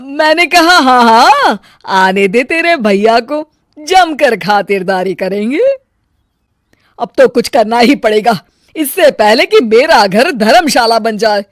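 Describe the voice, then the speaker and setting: A woman voicing a scheming, sharp-tongued middle-aged mother-in-law in a cartoon, sly and muttering asides. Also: a little high, expressive, takes it slowly, dry recording, clean studio sound. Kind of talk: cartoon dubbing.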